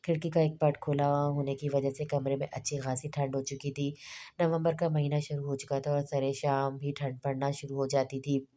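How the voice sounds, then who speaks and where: A woman narrates a novel at a measured pace. Her voice is low and dark, with a flat, steady line and little melody. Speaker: audiobook narrator. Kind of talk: novel reading.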